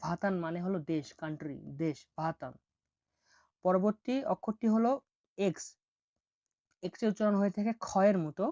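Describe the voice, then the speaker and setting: A woman teaching a language lesson, slowly repeating each example word several times. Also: on the low side, steady tone, dark tone, dry recording, highs cut off.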